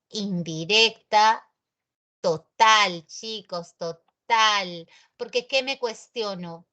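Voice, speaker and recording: Peruvian woman teaching grammar, chatty and expressive, unhurried delivery, a bit high. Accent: Peruvian Spanish. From Peru. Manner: chatty, expressive, addresses students directly. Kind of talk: online grammar lesson.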